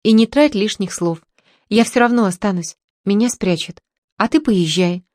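A woman's voice: animated, moderate pace, a little mellow, no room sound, studio quality, natural voice. Woman doing resolute young daughter. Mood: determined. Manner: firm, resolute, raised pitch.

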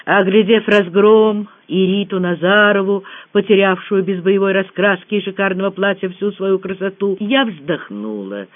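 Expressive audiobook reader, tinny sound. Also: medium pitch, normal speed, few pauses. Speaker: audiobook narrator. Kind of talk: reading a novel aloud.

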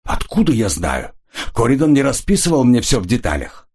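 A man's voice: mid-range voice, wildly swooping pitch, normal speed, darkish tone, breathy edge, voice pushed up, heavily acted. A man voicing a nervous, evasive man who talks defensively in a raised, strained voice.

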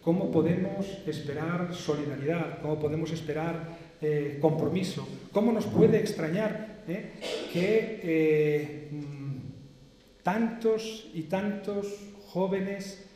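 A man lectures at a seminar in a mellow, fairly high voice, building his points through chains of rhetorical questions. He pauses often and hesitates mid-sentence. The sound is roomy, with a long hall reverb trailing each phrase. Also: slight background noise. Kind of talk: philosophical lecture. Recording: echoey hall, distant reverb.

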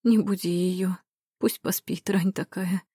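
A woman's voice: on the low side, steady tone, measured pace, mellow, slightly rough, no echo, clean studio sound. A woman voicing a bossy, motherly older housekeeper who talks in a raised, scolding but cheerful tone. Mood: fretful.

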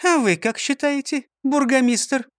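A man voicing a gentle, coaxing woman. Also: very high voice, a little slow, no echo, studio quality, pitched above the performer's own voice. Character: kind gentle young woman. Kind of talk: storybook reading.

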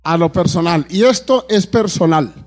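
Preaching in church to a live congregation, a Colombian-accented pastor speaks at normal speed in a high-pitched, animated voice with a darkish tone. He repeats words as he searches for the next, calling out amens and posing questions to the crowd.

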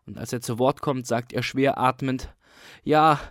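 A man doing a calm literary reading for a radio program. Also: medium pitch, moderate pace, dry recording, studio quality. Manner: calm storyteller. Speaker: reader.

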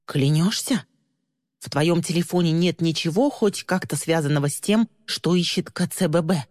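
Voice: mid-range voice, moderate pace, darkish tone, lightly acted. A sober, guarded teenage girl talks in a firm, slightly grumbling way, as a reader performs her. The voice sits close and dry on a long reverb tail.

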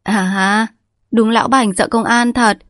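A woman voicing a clever, kind-hearted young village girl who speaks earnestly and quickly. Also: fairly high pitch, fairly even intonation, a bit bright, no echo, studio quality, voice pushed up. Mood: gleeful.

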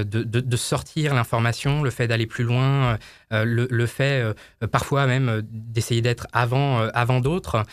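A man speaking on a talk show in a halting way, with many fillers and restarts. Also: medium pitch, no room sound, clean studio sound. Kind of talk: casual talk show chat.

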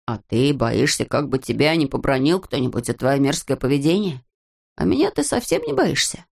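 A small, reproachful inner conscience from a storybook reading, as a woman puts it on, pitched a little below her usual voice. It speaks slowly and deliberately, scolding and teasing in turn. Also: very animated, gravelly, heavily acted. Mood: stern. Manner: slow, low and scolding. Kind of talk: audiobook character voice.

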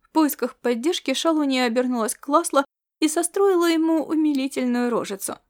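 A woman giving a steady, expressive scripted audiobook narration. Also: sits high, a little fast.

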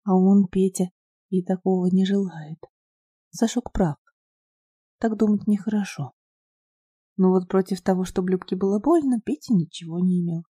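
A woman narrating an audiobook in a measured, expressive way. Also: medium pitch, breathy edge, no echo, clean studio sound. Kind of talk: scripted narration.

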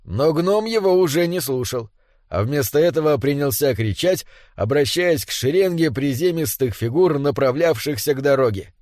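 Expressive man reading a storybook. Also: a little high, moderate pace, dry recording, studio quality. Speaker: audiobook narrator. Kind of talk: scripted storybook narration.

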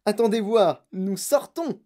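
A storybook reader voicing an eccentric, excitable grown man who makes chocolate and talks in delighted exclamations. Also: medium pitch, measured pace, pitched above the performer's own voice, lightly acted. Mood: wildly excited.

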